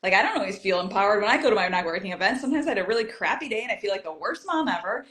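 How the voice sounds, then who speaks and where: A woman's mid-range, slightly bright voice races along expressively in a reverberant space. She's a community group founder guesting on a casual interview, telling stories and dramatizing her past thoughts.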